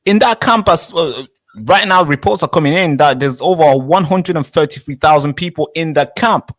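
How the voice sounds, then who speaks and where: A man's voice: a little high, moderate pace, no echo. Insistent young man in heated debate. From Tanzania. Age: 20s. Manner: insistent, interrupts with repeated "wait, wait". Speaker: interviewee.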